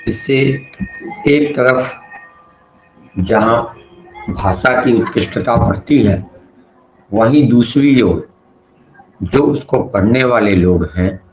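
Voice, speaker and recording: A man teaching Hindi grammar in a measured, explanatory way. He slows down to stress example sentences and mixes English words into his talk. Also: medium pitch, animated, soft background music. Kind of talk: explanatory lesson. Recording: echoey room, dull lo-fi sound with faint noise.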